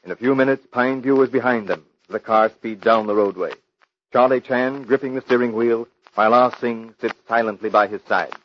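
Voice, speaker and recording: A man's voice: mid-range voice, moderate pace, a little hiss or hum. Male narrator on dull old radio recording. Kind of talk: scripted radio drama narration.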